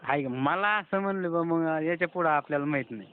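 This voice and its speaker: Heard through a thin, tinny phone connection with slight background noise, a young man talks colloquially and somewhat grumpily to a friend. His voice sits a little high and he speaks fairly quickly.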